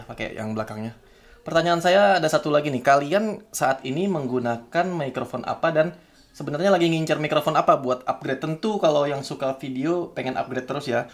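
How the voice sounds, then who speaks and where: A man with an Indonesian accent, talking casually to camera outdoors while he tests a camera-top microphone aloud. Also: mid-range voice. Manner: chatty, testing mic aloud. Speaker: tech reviewer. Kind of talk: casual vlog demo. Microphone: camera-top microphone, turned front and back.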